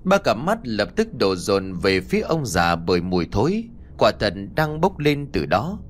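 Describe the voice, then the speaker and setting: A man narrating a horror audiobook in a dramatic, expressive way. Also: on the low side, normal speed, slight background noise. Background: faint music.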